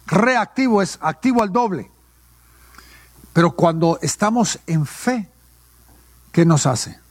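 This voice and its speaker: A man's voice: high-pitched, expressive, slow, no echo. A male pastor, preaching a sermon and asking questions that he answers himself. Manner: call-and-response preaching, asks and answers his own questions.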